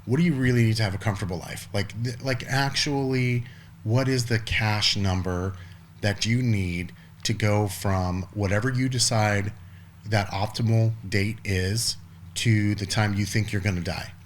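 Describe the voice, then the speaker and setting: This man in his 40s, appearing as a guest on a podcast, chats in a meandering way full of restarts and occasional swearing. He speaks at a normal speed in a fairly low voice, and there's slight background noise.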